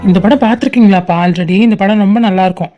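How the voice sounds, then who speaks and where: A woman's voice: mid-range voice, quick pace, dark tone, faint music behind, lightly acted. A woman voicing a polite young adult son in a cartoon, concerned and respectful. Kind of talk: cartoon voice acting.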